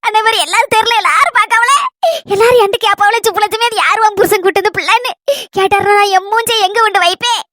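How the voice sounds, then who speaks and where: A woman with a Kanyakumari Tamil accent, voicing a tearful, timid middle-aged village wife who laments slowly in a comedy sketch. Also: extremely high pitch, heavy background noise. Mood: weepy lament. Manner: slow, weepy lament.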